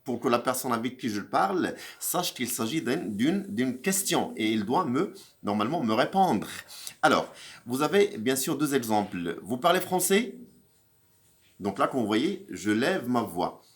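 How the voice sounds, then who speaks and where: In this recorded grammar video, the male French teacher speaks at a normal speed in a mid-range voice with big swings in pitch. He stumbles through fillers and restarts, lifting his tone whenever he poses an example question.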